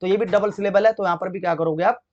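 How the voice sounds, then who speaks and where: A man teaching English grammar for exam preparation, speaking Hindi with an accent from it, asking his class questions and answering them himself while he spells words out slowly. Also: high-pitched, fairly even intonation, lo-fi sound. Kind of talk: exam-prep grammar lesson.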